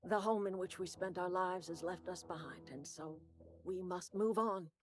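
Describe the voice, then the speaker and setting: Proud, grandmotherly older woman herbalist acted, lowish voice. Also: close to an everyday voice. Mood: solemn, proud. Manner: measured, folksy, dignified. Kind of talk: video game dialogue.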